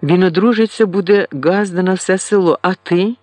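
A man's voice: sits high, normal speed, a little mellow, dry recording, close to an everyday voice. A man voicing a bitter old village woman in a storybook, speaking in an aggrieved, reproachful tone.

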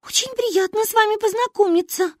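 A woman voicing a shy, nervous little girl who speaks in a timid, earnest squeak. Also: a little fast, no room sound, studio quality.

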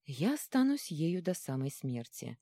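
Storybook brief: woman reading as a sad, gentle mother, soft and low. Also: big pitch swings, a little slow, no echo, studio quality, heavily acted. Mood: soft sorrowful. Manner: soft and sorrowful.

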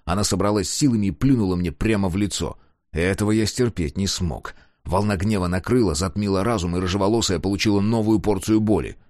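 A man narrating an action audiobook in the first person, steady and dramatic. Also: deep voice, brisk, no room sound, clean studio sound.

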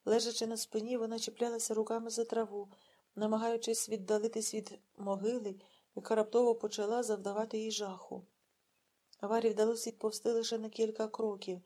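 A woman narrating a literary audiobook in a measured, dramatic storytelling manner. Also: a little high, dark tone.

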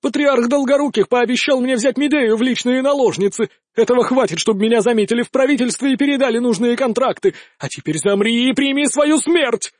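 A man voicing an arrogant, cowardly noble duelist in an audiobook, shouting, bragging and begging by turns. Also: very high-pitched, expressive, normal speed, dry recording, clean studio sound, pitched above the performer's own voice. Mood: triumphant. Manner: shouting, boastful then pleading. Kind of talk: audiobook character voice.

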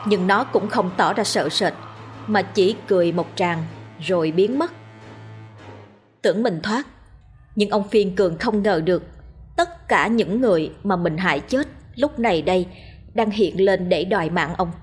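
A woman narrating a horror story in a steady, suspenseful reading. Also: medium pitch, measured pace, soft background music.

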